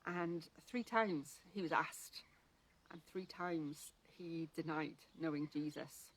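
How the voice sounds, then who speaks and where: A Welsh woman leads a Bible reading on a church live stream, her voice low and her pace slow. As a church leader reading scripture, she talks informally and chattily, with many ums and restarts, over slight background noise.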